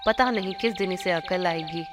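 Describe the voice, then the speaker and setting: A woman's voice: on the low side, moderate pace, recorded from a distance, natural voice. Woman doing an irritated cartoon husband. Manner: scolding, irritated. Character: irritated young husband, office worker. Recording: cartoon voice over loud music.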